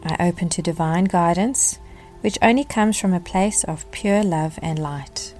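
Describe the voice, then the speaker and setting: A woman guides a meditation in a fairly low voice, speaking gently and deliberately and leaving measured pauses between instructions. Faint music and the sound of rain play behind her.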